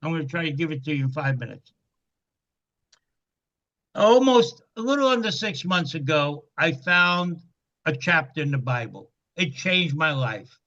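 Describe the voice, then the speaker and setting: Animated older man telling a story. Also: fairly high pitch, measured pace, dull audio. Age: 70s. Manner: animated storyteller, acts out quoted dialogue. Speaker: business testimony speaker. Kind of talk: testimony to a group call.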